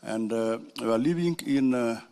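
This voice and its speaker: A man from Mali stands up in a conference audience to comment. He speaks slowly and haltingly, pausing often with uh. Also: mid-range voice, vocal fry, mellow. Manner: slow, halting, many fillers. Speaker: audience member. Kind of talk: question from the floor. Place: conference hall.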